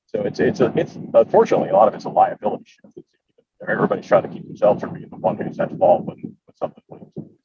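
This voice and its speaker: A man's voice: on the low side, sing-song, fast talker. A man, a commercial builder, explaining things with wry asides while heard over a conference call line. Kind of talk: casual panel discussion. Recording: distant muffled noisy call audio.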